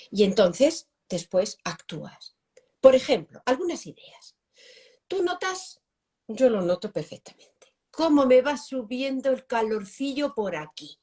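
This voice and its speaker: Woman, 50s; expert guest, higher-pitched voice, swoops up and down, repeats herself for emphasis. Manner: animated, repeats phrases, acts out examples. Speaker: guest pedagogue. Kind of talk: live-stream interview answer.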